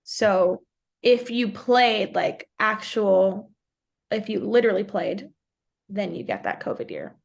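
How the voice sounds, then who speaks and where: Slow-paced and gravelly yet lively in intonation, this woman has a medium pitch. A native Portuguese speaker from New York in her twenties, she chats casually on a podcast and peppers her talk with "like."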